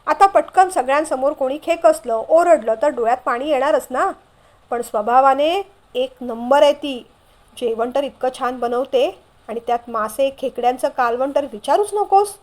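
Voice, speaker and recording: A woman's voice: high voice, normal speed, a little mellow, close to an everyday voice. A woman voicing a cheerful younger brother who teases and reassures in a playful way.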